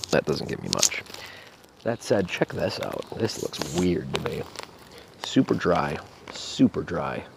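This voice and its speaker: A man with a low voice and plenty of gravelly fry talks through a casual review. He is laid-back and halting, thinking out loud as he goes. There is faint background noise under the recording. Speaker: pipe tobacco reviewer. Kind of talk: casual unscripted product review.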